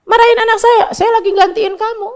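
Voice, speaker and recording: A woman's voice: very high-pitched, steady tone, fairly quick, voice pushed up. A woman preacher voicing a meddling, smug neighbor woman in a mocking, self-righteous tone.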